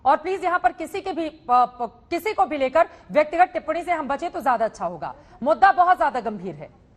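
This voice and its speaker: Female TV debate anchor, high pitch, firm moderator who cuts in. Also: big pitch swings, brisk. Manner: firm, repeatedly cutting in to restore order.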